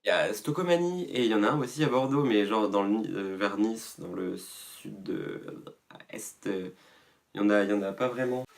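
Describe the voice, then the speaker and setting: A man's voice: lowish voice, normal speed, gravelly. A man vlogging casually about clothes he bought, rambling and self-mocking with lots of fillers and asides. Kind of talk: casual fashion haul vlog.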